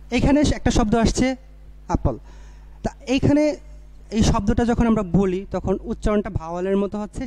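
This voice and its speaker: A man's voice: high-pitched, mellow, no room sound. A man teaching an English grammar lesson, explaining step by step, asking questions and answering them himself, and mixing English terms into his speech. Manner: explains step by step, repeats key phrases.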